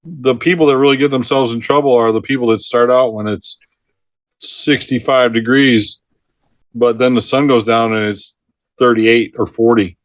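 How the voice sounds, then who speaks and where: A middle-aged man tells outdoor rescue stories in relaxed conversation, chuckling as he goes and slipping into the voices of the people he met. His voice sits at an ordinary middle pitch. The sound is close and dry, with no room echo. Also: normal speed. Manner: lively storyteller who laughs mid-sentence and acts out quotes. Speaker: retired forest ranger, podcast guest. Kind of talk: storytelling in a casual interview.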